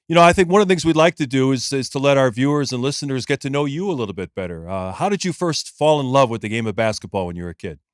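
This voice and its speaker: A man co-hosting a casual podcast interview, asking questions in a smooth, practiced delivery. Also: mid-range voice, animated, quick pace, hardly any pauses, no room sound, studio quality. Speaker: podcast co-host.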